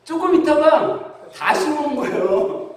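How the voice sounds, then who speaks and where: A middle-aged man preaching a sermon as pastor, telling stories in a chatty, lively way. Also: very high voice, measured pace. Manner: conversational storytelling, lively with laughs. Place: church sanctuary. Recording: very echoey church hall, distant mic.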